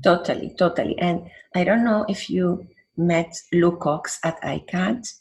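An older woman with a Venezuelan accent, talking as a guest counselor in an interview. She sounds warm and reflective and sometimes searches for her words. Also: fairly low pitch, measured pace, vocal fry. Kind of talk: interview conversation.

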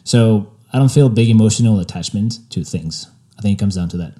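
Relaxed low-voiced man, French accent. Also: fairly quick. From Spain. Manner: relaxed, laid-back and reflective, with frequent fillers. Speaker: photographer guest. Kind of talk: casual interview.

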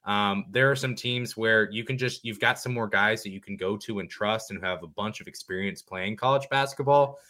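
A man appearing as a guest on a sports podcast, talking casually and thoughtfully, often pausing with ums and correcting himself. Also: fairly low pitch, sharp tone. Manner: thoughtful, hedging, many ums.

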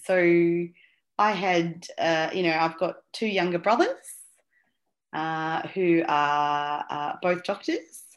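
A woman's voice: fairly low pitch, expressive, slow, highs cut off. A woman, an interview guest who talks casually with many fillers and restarts. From Australia. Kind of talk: conversational interview.

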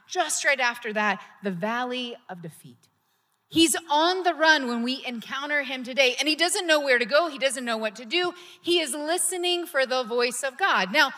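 A woman's voice: sits high, sharp tone. A woman pastor preaching a sermon in a conversational style, building to emphatic points. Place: church sanctuary. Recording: long hall reverb.

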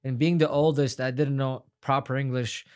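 A guest fighter, young and from Afghanistan, speaks English as a second language after Farsi. His medium-pitched voice is level and darkish, at a normal speed, and in this casual interview he rambles heartfeltly with repeated words.

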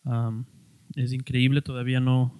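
A man hosting his own podcast, talking casually and haltingly, often restarting words as he explains. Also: mid-range voice, little pitch movement, mellow, smooth, no room sound. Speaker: podcast host. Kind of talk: casual solo podcast talk.

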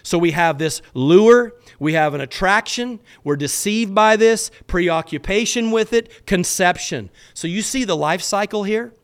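A man with a fairly high voice teaches on a podcast in an earnest, preaching manner. He exhorts his listeners in casual speech and stumbles over repeated words as he pushes his point. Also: animated, unhurried, few pauses, clear, resonant tone. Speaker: podcast host teaching on faith.

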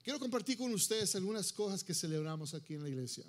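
A man preaching a sermon in a church, animated, dropping into English and acting out little everyday scenes. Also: high voice, fast. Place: church sanctuary.

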